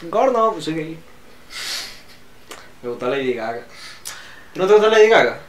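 A young man co-hosting a casual podcast, playful and expressive. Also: fairly high pitch, moderate pace. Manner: playful and expressive, breaks into little squeals. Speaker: podcast co-host. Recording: roomy echo.

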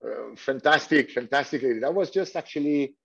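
Here the voice is medium-pitched, fast, creaky and a bit rough: a middle-aged Swiss man, French by mother tongue, who runs a hotel as general manager. He keeps restarting and using fillers while answering interview questions over muffled, lo-fi sound.

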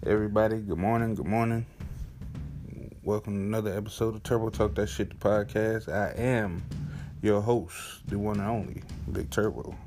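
A man's voice: fairly low pitch, fairly even intonation, fairly quick, music in the background. A man hosting his own podcast, talking bluntly and profanely in a rambling casual monologue with frequent restarts. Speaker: podcast host.

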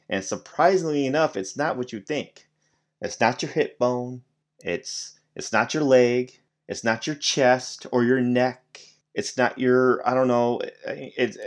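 A man hosting a solo podcast, rambling casually with lots of fillers, restarts and offhand swearing. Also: mid-range voice. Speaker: podcast host.

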